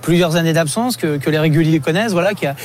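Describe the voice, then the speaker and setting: A man with a Southern French accent, a poker commentator, telling stories in quick, excited casual chat with many fillers. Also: on the high side. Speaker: poker tournament commentator calling in.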